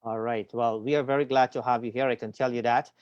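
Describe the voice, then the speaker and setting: A man's voice: mid-range voice, steady tone, quick pace, darkish tone, no room sound, lo-fi sound. A man hosting an online talk show, chatting in a friendly, rambling way with plenty of fillers. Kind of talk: casual interview chat.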